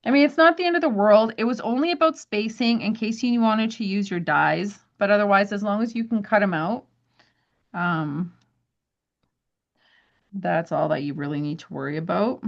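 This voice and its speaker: A woman leads a live stamping class in a chatty, friendly way, talking viewers through each step at a relaxed teaching pace. Her voice sits at an ordinary middle pitch. The sound is a little dull and lo-fi, like a home livestream. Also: moderate pace, gravelly. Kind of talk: live crafting class replay.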